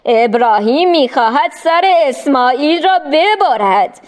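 A woman's voice: high-pitched, animated, pitched above the performer's own voice. A woman voicing a scheming, mocking male devil in a storybook reading, drawn out and taunting. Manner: taunting, drawn-out, with sneering laughs.

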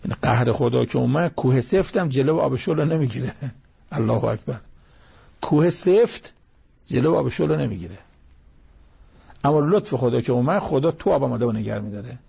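Gravelly, husky-voiced male preacher. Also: medium pitch, mellow. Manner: recites Arabic verses and tells moral anecdotes. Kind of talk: sermon with Quran commentary.

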